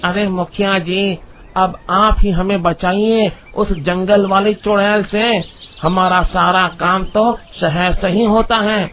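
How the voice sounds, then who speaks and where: A man's voice: sits high, steady tone, slow pace, fairly bright tone, a little hiss or hum. A man voicing an impatient, dismissive village woodcutter in a cartoon, insistent in manner. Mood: pleading. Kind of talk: cartoon voice acting.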